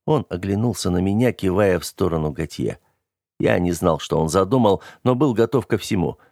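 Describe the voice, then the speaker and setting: A man with a low voice reads a first-person tale in a steady, measured manner. The sound is dry and close, with no room around it. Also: no echo. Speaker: audiobook narrator. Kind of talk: first-person scripted narration.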